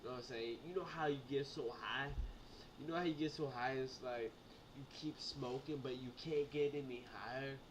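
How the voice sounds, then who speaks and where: Young male vlogger, audibly drunk. Rowdy party-animal delivery, repetitive and stumbling, mid pitch, noisy amateur audio. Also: steady tone, moderate pace. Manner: loose, repetitive slangy talk with stumbles and swearing. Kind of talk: rambling casual storytelling to camera. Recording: noisy amateur recording with clicks.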